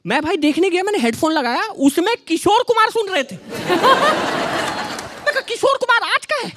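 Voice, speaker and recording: High-voiced young stand-up comic. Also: male voice. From Jharkhand, India. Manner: chatty, teasing, exaggerated storytelling. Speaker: stand-up comedian. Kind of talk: stand-up comedy. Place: studio stage with live audience. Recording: loud studio audience and noise.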